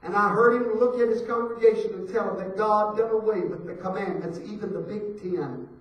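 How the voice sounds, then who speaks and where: High-pitched preacher in an echoing church. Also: male voice, fairly even intonation, brisk, lo-fi sound. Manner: swings from hushed to shouting, rhythmic repetition. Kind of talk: fiery church sermon. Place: church sanctuary. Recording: echoey hall, preacher far from the mic.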